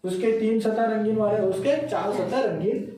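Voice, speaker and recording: A man's voice: sits high, normal speed, mellow, slight background noise. A man teaching a classroom lesson, counting aloud and constantly checking with his students through repeated questions. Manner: repetitive, keeps asking "है ना?" and counting aloud. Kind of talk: classroom lesson with call-and-response. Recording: echoey classroom from far off.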